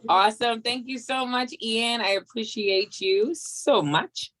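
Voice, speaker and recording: A woman's voice: fairly high pitch, a little slow, a bit bright. Upbeat Bahamian woman hosting a video call. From Grand Bahama, the Bahamas. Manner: upbeat, chatty, calls out names. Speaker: host, council chairman. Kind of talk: lively online event hosting.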